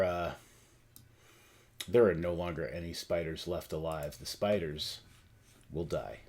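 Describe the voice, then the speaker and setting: A man narrating a tabletop game as game master, casual and halting as he thinks aloud. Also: sits low, a little mellow.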